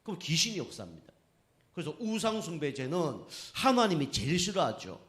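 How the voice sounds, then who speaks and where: A man's voice: fairly high pitch, wildly swooping pitch, a little fast, fairly bright tone. A male pastor preaching conversationally, asking the congregation questions and acting out quoted voices in a story. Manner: acts out quoted speech in anecdotes. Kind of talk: sermon.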